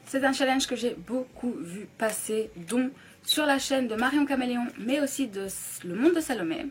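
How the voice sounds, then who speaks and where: A young woman chatting casually through a makeup tutorial at home, keeping her voice soft so she won't disturb anyone. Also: a little high, lively intonation, moderate pace, breathy edge, faint music behind. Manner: chatty, talks softly so as not to disturb. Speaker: beauty YouTuber. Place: home room at a makeup table.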